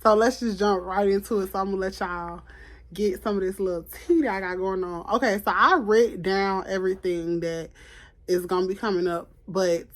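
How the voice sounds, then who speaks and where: A woman in her twenties from Florida, chatting casually to camera as a podcast host, animated and repeating herself with laughs. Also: medium pitch, moderate pace. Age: 20s. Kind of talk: casual vlog chat to camera.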